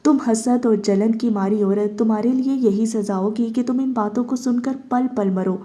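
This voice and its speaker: A woman's voice: fairly high pitch, steady tone, mellow, natural voice. Woman voicing a cold vengeful man. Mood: cold menace. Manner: cold, measured, cruel.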